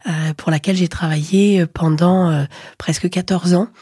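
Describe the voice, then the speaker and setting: Femme à la voix feutrée, un peu voilée. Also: female voice, lowish voice, steady tone, mellow, slightly rough, no room sound, studio quality. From Ukrainian roots. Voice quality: voice occasionally cracking. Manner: measured, with hesitations and self-corrections. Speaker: luxury watch retail executive. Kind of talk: interview answers.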